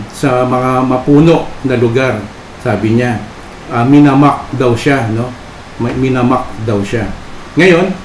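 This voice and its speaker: A man's voice: mid-range voice, a little mellow, slight background noise. A man preaching a storytelling sermon at a church worship service. He speaks hesitantly, with many fillers and tag questions. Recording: roomy hall with faint ambience.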